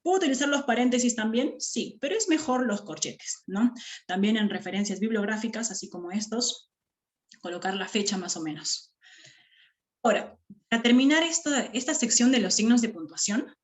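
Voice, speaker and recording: A woman's voice: a little high, animated, normal speed. Woman teaching punctuation. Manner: checks in often with the listener. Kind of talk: explaining a grammar lesson over slides.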